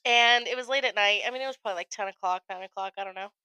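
A young American woman co-hosts a podcast, and her mid-range voice comes out rapid-fire and smooth with no room sound. She retells a story in casual chat with lots of animation, acting out quotes and swearing frequently.

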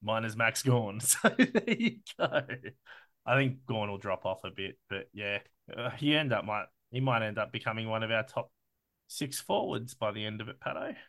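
Bright, excitable Australian male podcast co-host who swears casually. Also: fairly low pitch, normal speed. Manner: excitable, swears freely, keeps addressing his co-host. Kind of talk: casual sports podcast chat.

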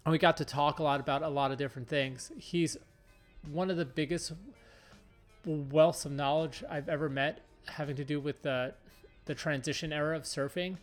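Relaxed high-voiced man hosting a podcast. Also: normal speed, soft background music. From Southern California. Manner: relaxed, filler-heavy rambling. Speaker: podcast host. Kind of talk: casual podcast intro and interview.

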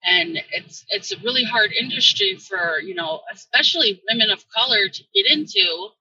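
A woman's voice: on the high side, sing-song, normal speed, gravelly, pushed and bright, husky. Woman on a muffled, underwater-sounding call. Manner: thoughtful, restarts phrases with fillers. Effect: muffled underwater-sounding remote call audio. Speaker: journalist guest on a podcast. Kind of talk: casual conversation over a remote call. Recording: muffled, distant lo-fi call line.

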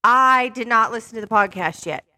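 A woman's voice: a little high, moderate pace, pushed and bright, no room sound. A middle-aged woman co-hosting a podcast, chatting casually, blunt, playful and swearing. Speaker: podcast co-host. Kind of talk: casual chat.

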